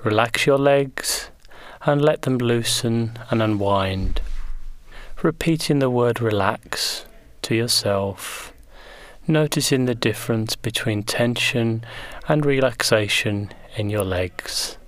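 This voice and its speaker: A man leading a guided progressive muscle relaxation in slow, gentle, soothing instructions. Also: mid-range voice, no echo.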